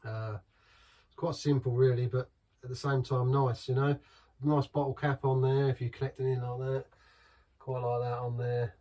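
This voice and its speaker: A middle-aged man talks casually through a beer review, rambling and restarting as he goes. His mid-range voice has a dark tone and flat delivery at a moderate pace. He sounds a bit distant from the mic.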